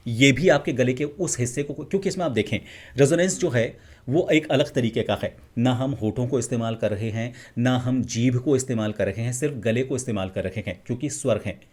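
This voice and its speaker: A man teaching voice technique. He talks at a mid pitch, in a calm, measured, step-by-step way. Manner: calm, measured teaching, demonstrating vowels and humming. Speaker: voice coach. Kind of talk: instructional explanation.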